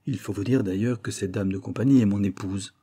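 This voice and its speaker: A man's voice: fairly low pitch, a little fast, warm tone, lightly acted. A man reading an audiobook voices a discreet courtier with a confiding manner.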